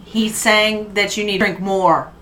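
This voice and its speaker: Slow-talking woman with wry asides. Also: medium pitch, fairly even intonation, fairly bright tone. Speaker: player. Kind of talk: tabletop role-play banter. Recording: roomy with chatter behind.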